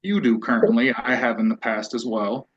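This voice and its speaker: A man's voice: mid-range voice, fairly even intonation, moderate pace. Guarded man testifying in a dull courtroom recording. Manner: guarded, evasive, repeats that he doesn't recall. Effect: courtroom recording played back on a stream. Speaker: respondent in a divorce hearing. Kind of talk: testimony under questioning.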